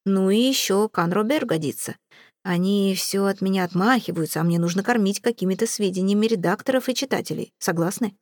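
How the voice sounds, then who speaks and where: A jovial, haggling war journalist, as a woman reads him in an audiobook. His talk is breezy and bargaining at a middling pitch, and the recording is dry and close. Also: fairly quick, no echo, lightly acted. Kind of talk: audiobook character reading.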